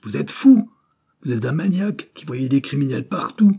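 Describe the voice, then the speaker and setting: A man reading an audiobook, voicing a haughty male villain who shouts indignant protests. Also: medium pitch, measured pace, slightly rough.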